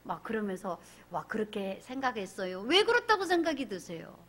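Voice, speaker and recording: A woman pastor delivering a sermon in an animated way, acting out characters and asking the congregation questions. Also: medium pitch, brisk.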